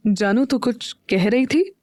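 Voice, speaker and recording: A woman's voice: fairly high pitch, lively intonation, a little slow, darkish tone, no room sound, clean studio sound. A woman voicing a cool young husband who teases his shy wife. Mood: teasing.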